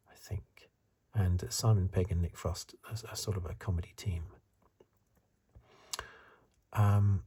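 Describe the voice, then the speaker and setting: Deep and dark yet very breathy, this soft-spoken man's ASMR review commentary often slips into a whisper. He muses hesitantly and conversationally, seeming to think aloud.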